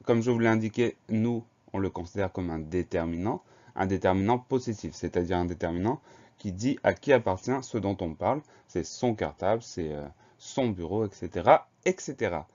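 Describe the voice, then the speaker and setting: A man's voice: low-pitched, moderate pace, a little mellow, dull audio. A man teaching a children's spelling lesson, patiently explaining words and spelling them out letter by letter.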